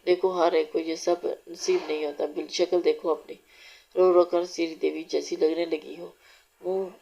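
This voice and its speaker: A woman's voice: on the low side, flat delivery, gravelly, dark tone. Woman reading as a bossy, mocking young husband. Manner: domineering, mocking. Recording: dull lo-fi recording.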